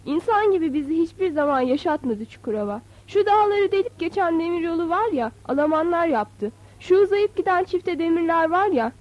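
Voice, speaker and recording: A woman's voice: high voice, a little mellow. A woman as a lamenting old nomad elder. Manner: lamenting, repetitive. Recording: dull, slightly lo-fi.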